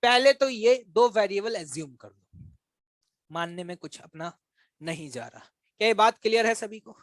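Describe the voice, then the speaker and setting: A male physics teacher giving a classroom lecture, constantly quizzing his students with quick questions and teasing them to check they follow. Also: high voice, lively intonation, no room sound. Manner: coaxing, teasing.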